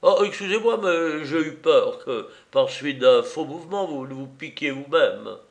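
A man voicing a calm, courteous gentleman thief who answers with polite mock courtesy. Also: on the high side, measured pace, creaky, voice pushed up.

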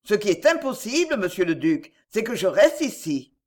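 A woman's voice: medium pitch, big pitch swings, normal speed, darkish tone. A woman doing a grave, troubled doctor. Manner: solemn, restrained and sorrowful.

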